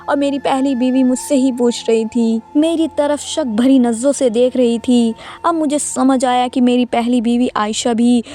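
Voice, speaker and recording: A woman's voice: high voice, dark tone. A woman reading an emotional first-person story aloud as a storyteller, telling it from a husband's side. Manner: reads a first-person tale in a man's voice. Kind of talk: scripted story narration.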